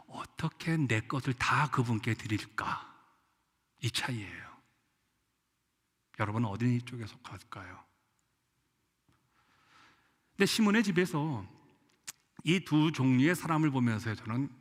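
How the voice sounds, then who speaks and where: A man preaching a sermon as pastor, with an impassioned delivery that acts out the people he quotes. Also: mid-range voice. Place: church sanctuary. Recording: echoey church hall.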